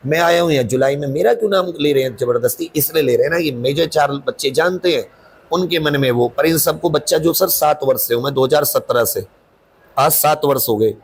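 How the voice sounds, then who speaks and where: A man's voice: on the high side, brisk, slightly rough. A man, a coaching teacher, answering interview questions in a defensive, insistent, rambling way.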